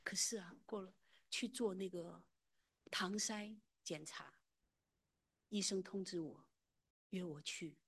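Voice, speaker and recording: A middle-aged woman recounts her faith testimony in an earnest, emotional storytelling manner. Her husky, breathy voice often falls almost to a whisper. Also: lowish voice, takes it slowly, pauses often, a bit bright. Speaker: church member giving a testimony.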